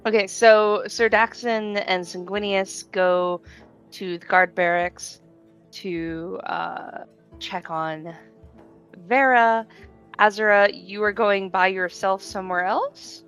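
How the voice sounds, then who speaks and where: A woman's voice: medium pitch, fairly even intonation, slow pace, a bit bright, clean tone, soft background music. A woman narrating a tabletop role-playing game as game master, rambling with many fillers.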